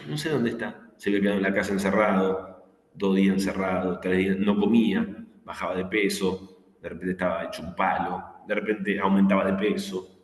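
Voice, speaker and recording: A man's voice: sits low, little pitch movement, brisk. A man with a Rioplatense Spanish accent, lecturing an online class and telling anecdotes full of acted-out quotes and fillers. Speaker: teacher. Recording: echoey room with long reverb.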